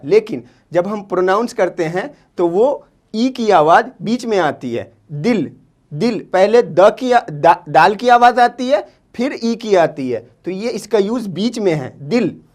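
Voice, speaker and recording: A woman's voice: medium pitch, a little mellow. A woman teaching a children's language lesson, patiently repeating each word and spelling it out sound by sound, checking in often. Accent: Indian Hindustani. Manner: patient, repeats words slowly and syllable by syllable.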